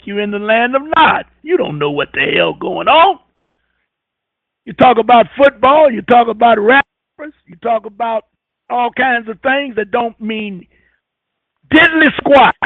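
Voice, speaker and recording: A man's voice: very high-pitched, lively intonation, moderate pace, no echo. A man hosting a radio talk show, lecturing in a preachy, scornful way and hammering his points by repetition. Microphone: telephone. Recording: tinny phone line.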